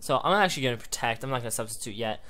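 Smooth-voiced man hiccuping through game commentary. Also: medium pitch, animated, racing, pushed and bright. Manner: thinks aloud, rambling. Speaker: gaming YouTuber. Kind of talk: live battle commentary.

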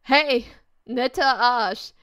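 A smug, cocky teenage boy, as a woman reads him out, tosses off self-satisfied teasing in a fairly high voice. The recording is dry and close, with no room around the voice. It is a reading of a novel. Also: lively intonation, takes it slowly, gravelly, dry recording, heavily acted.

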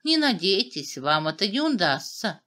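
A woman voicing an old male clockmaker who answers calmly and firmly, with quiet dignity. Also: mid-range voice, moderate pace. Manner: calm and firm.

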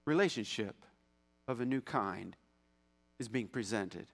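A man preaching a sermon as pastor, animated, swinging from loud emphasis to hushed tones and acting out voices from scripture. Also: medium pitch, unhurried, creaky. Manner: acts out biblical voices mid-sermon.

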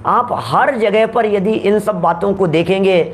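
A man's voice: high-pitched, unhurried. A middle-aged man preaching a religious discourse. He tells everyday stories and keeps asking his listeners rhetorical questions. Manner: storytelling with everyday examples, asks rhetorical questions.

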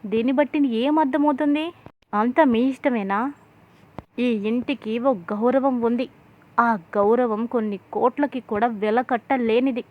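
A woman voicing a stern older father who scolds his son loudly and commands the household. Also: fairly high pitch, steady tone, a little slow, natural voice. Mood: scolding. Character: stern older father, domineering head of family. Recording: tinny phone-like audio.

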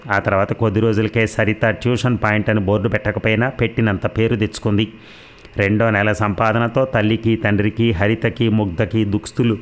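A man narrating a serialized audio story in a steady, even manner. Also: fairly low pitch.

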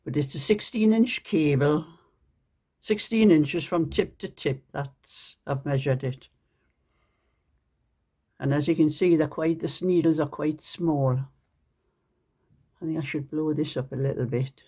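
A woman's voice: low voice, measured pace, pauses often, mellow, husky. An older woman with a Geordie accent, chatting casually at her table at home as she shows off a shopping haul and explains it step by step. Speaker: shopping vlogger. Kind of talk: casual show-and-tell. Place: home, at a table at night under a lamp.

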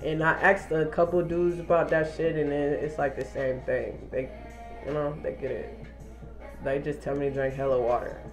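Over music, a young man with a fairly high voice talks at normal speed in a flat delivery. He's a vlogger giving a casual update to a camera held at arm's length in a small wood-paneled room, relaxed, slangy, and swearing freely.

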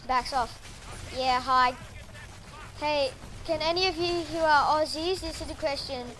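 High-voiced, excitable woman commenting on gameplay. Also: a little slow, slight background noise, rough recording. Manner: rambling, excitable, with fillers.

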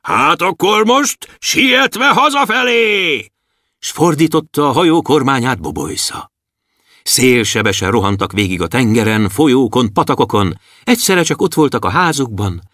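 A man narrating a children's audiobook in a lively, expressive storytelling manner. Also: mid-range voice, no room sound, studio quality. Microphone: close studio mic.

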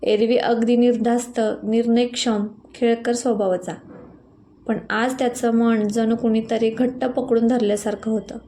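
A woman narrating an emotional family story in a gentle, expressive way. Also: on the high side, moderate pace. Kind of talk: scripted narration.

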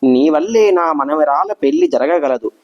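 A man's voice: a little high, wildly swooping pitch, unhurried, exaggerated voice. Man voicing tearful devout old grandmother. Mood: tearful pleading. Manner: pleading, emotional. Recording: dull lo-fi recording.

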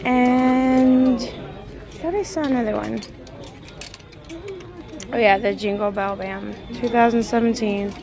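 A woman's voice: fairly high pitch, fairly even intonation, takes it slowly, long pauses, a crowd in the background. Gushing woman vlogging in a busy store. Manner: bubbly, gushing over cute finds. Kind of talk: casual shopping vlog narration. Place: large indoor store. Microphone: handheld phone camera. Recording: crowded store background.

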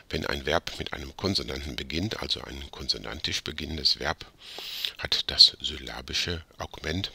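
A man with a very low, gravelly voice gives a casual grammar lesson. His tone is sharp and husky. He rambles, corrects his own slips and tosses in self-mocking jokes. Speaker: tutor.

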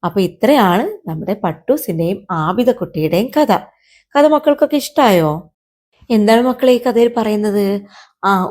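A woman teacher reading a story aloud to young pupils in an expressive, lively way and then asking them questions about it. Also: mid-range voice. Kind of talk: storytelling lesson for children.

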